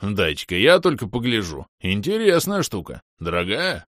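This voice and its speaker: A man voicing a burly, easygoing male half-orc warrior with a gruff, coaxing manner. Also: lowish voice, big pitch swings, normal speed, fairly bright tone, no echo, clean studio sound.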